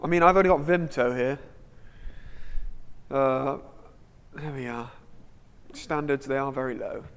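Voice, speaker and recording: A man co-hosting a casual live stream, jokey and animated, reading out viewer comments. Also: medium pitch, a little slow, clean tone. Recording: long hall reverb.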